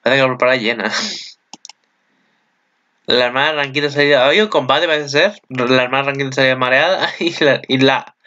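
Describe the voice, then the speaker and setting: Excitable bright-voiced Spaniard, lo-fi sound. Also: male voice, fairly quick, long pauses. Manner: excitable, chatty, with sudden high exclamations. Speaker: video commentator. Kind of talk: casual reaction commentary.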